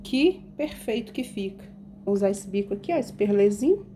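A woman's voice: medium pitch, expressive, moderate pace, mellow, a little hiss or hum. A woman chatting to her viewers while decorating a cake in her home kitchen, explaining each step. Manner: chatty, addresses viewers as "gente". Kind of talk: casual baking tutorial.

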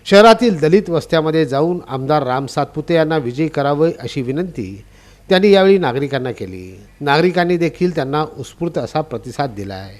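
A man's voice: fairly high pitch, lively intonation, fairly quick, a little mellow. A male reporter reading a formal, scripted news voice-over.

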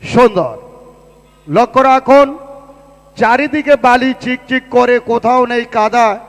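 A Bangladeshi man works as a booming prize announcer at a fair draw. His voice is strikingly high for a man and his delivery is slow and showy, with drawn-out calls. Long reverb trails every phrase, as if carried over loudspeakers.

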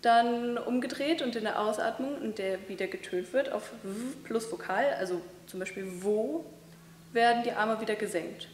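In a large hall with a wooden floor, a young woman studying voice training explains breathing and voice exercises, now and then pausing with fillers. Her fairly high voice comes at a moderate pace, and the room gives it a clear echo. There's slight background noise.

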